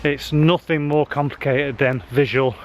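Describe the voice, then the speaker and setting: A man's voice: on the high side, steady tone, a little slow. A man, chatting casually to a handheld camera while walking a wooded hill path, slightly out of breath, with frequent fillers. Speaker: social media marketing vlogger. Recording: faint outdoor noise.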